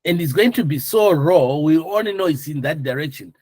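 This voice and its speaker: Speaking in an animated, fairly quick way, a man with a slightly high, a little mellow voice lectures informally and explains things, frequently quizzing students to check their understanding. The sound is fairly dry with no echo.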